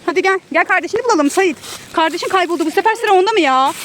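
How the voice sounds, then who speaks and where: A woman's voice: very high-pitched, animated, very fast, a bit bright. A mother filming her children outdoors, calling after them, scolding and laughing in a casual family vlog. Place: outdoors in a park or picnic area. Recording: noisy outdoor phone recording.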